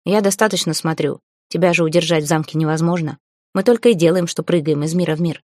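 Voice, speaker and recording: A woman's voice: lowish voice, fast, a little mellow, no echo, studio quality, close to an everyday voice. A woman reading the lines of a stubborn young male bodyguard in an audiobook, in a terse, subdued way. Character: young man, guarded bodyguard, brooding and stubborn.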